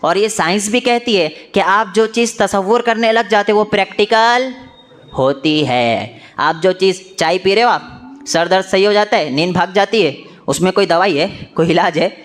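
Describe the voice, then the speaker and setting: A man's voice: high-pitched, moderate pace. A man giving an Islamic talk, telling stories and acting out the voices of the people in them. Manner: storytelling, acts out quoted voices. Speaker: religious speaker.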